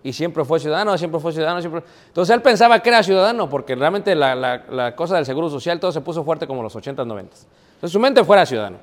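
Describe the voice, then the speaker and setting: Male preacher, chatty sermon, bit high-pitched, lingering hall reverb. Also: lively intonation, quick pace. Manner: conversational, asks the audience rhetorical questions. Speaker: preacher teaching a Bible class.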